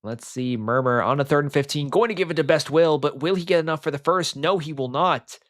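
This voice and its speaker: Filler-heavy and rambling, a young man excitedly narrates an online football game play by play. He's a little high in pitch and fairly quick, captured in a dry, clean studio recording.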